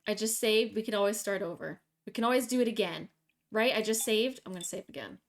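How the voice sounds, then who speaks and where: A woman's voice: medium pitch, fast talker. A woman streaming a game, dithering anxiously over a choice and talking to herself. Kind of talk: game let's play commentary.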